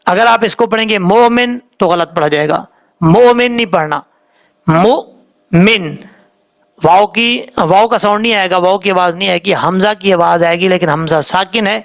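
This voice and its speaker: High-voiced man teaching recitation step by step. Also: gravelly, fairly bright tone. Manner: patient, step-by-step, repeats letters and rules; slowly draws out sounds when demonstrating words. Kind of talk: tajweed lesson explaining pronunciation rules.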